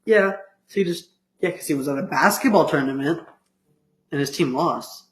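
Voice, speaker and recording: A man's voice: a little high, moderate pace, fairly bright tone, echoey room, poor audio. A teenage boy co-hosting a podcast, chatting casually and teasing his friend, with lots of "um" and "like". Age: teens. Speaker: podcast co-host. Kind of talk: casual chat.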